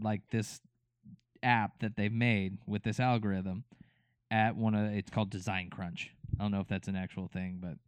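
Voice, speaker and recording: There's no room sound around this man's smooth, lowish voice. He's one of the co-hosts on a podcast, casually going over a TV show in a rambling way, with many fillers and restarts.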